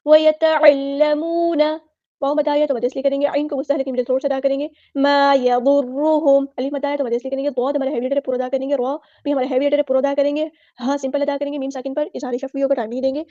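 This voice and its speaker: A woman's voice: high-pitched, little pitch movement, very fast, dark tone, no room sound, highs cut off. A woman teaching Quran recitation rules in a patient, instructive lesson, repeating each word the right way and the wrong way. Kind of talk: tajweed lesson, word-by-word explanation.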